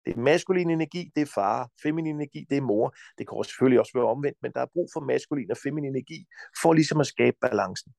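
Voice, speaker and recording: A Danish man talking as a podcast guest, giving forceful advice bluntly and insistently, with frequent swearing. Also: mid-range voice, animated, vocal fry, hardly any pauses, dry recording.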